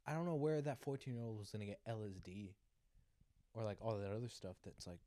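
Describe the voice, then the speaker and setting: A man's voice: fairly low pitch, dark tone. A young man co-hosting a podcast, chatting casually in a slangy, joking way and acting out little quotes. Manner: laid-back, slangy, jokey, acts out quotes. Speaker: podcast co-host. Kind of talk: casual chat.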